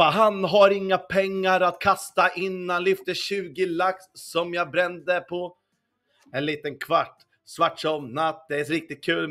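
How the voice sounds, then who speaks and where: A man's voice: a little high, a bit bright. Young man streaming, chatty, swearing. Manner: swears a lot and hums along to the music; answers viewer chat as he plays. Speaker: casino streamer. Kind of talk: casual livestream chat. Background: faint music.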